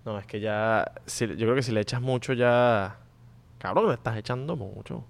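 A man's voice: on the low side, normal speed, creaky. Joking man co-hosting. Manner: joking, mixes in English fillers. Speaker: co-host. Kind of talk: casual chat.

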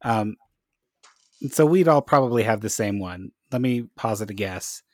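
A man's voice: on the low side, lively intonation, moderate pace, no room sound, studio quality. A man hosting a casual podcast chat, playful and jokey as he steers the topics. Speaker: podcast host.

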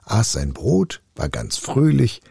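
Gravelly man reading a fairy tale. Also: no room sound, clean studio sound. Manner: slow, highly animated storytelling. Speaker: storyteller.

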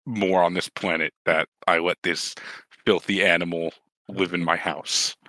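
Bright-toned, deep-voiced man rambling profanely. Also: steady tone, unhurried, no echo, low-quality recording. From New Jersey. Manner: rambling, profane, self-deprecating. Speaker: podcast co-host. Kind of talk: casual chat.

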